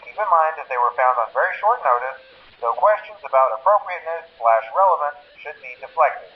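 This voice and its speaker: In a video game, a man voices a nervous, cheerful corporate phone trainer at a pizzeria, leaving a recorded workplace training message for employees. The muffled lo-fi phone recording carries a telephone filter and faint noise, and his voice is a little high and fairly quick. After hesitant greetings, he shifts into awkward, matter-of-fact, politely deadpan instructions.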